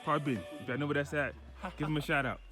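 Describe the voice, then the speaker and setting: A man's voice: on the high side, fairly even intonation, fast. A man chatting casually to camera for his vlog, full of whoops and greetings. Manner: hyped, loud whoops and greetings. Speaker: vlogger. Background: loud music.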